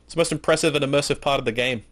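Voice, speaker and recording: A man's voice: medium pitch, racing, fairly bright tone. A man co-hosting a gaming podcast, teasing and swearing his way through casual chat. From Australia. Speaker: podcast co-host.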